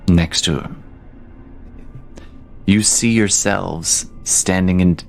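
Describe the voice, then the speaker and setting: A man narrating a tabletop game as dungeon master, slow and descriptive with fillers. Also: low voice.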